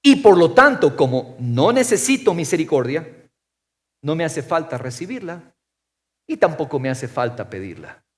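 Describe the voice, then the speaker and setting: A man preaching a sermon as pastor, firing off rhetorical questions and swinging from loud to soft. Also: on the high side, sing-song, moderate pace. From Ecuador.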